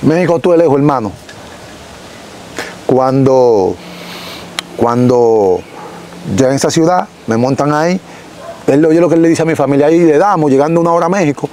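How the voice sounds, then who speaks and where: A young Dominican man with a Dominican Spanish accent, telling his story as an interview guest in an animated, casual way, recorded outdoors on a lapel mic. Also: on the high side, a little hiss or hum, poor audio. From Dominican Republic. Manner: animated, gesturing, frequent self-corrections. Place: outdoors in a rural yard.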